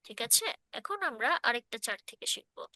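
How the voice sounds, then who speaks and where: A woman teaches a relaxed online language class, checking often that her listeners keep up. Her voice sits high and sounds bright and clear. The recording is close and dry. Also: normal speed, no echo. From Bangladesh. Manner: explains patiently, often checking understanding. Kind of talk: casual online class explanation.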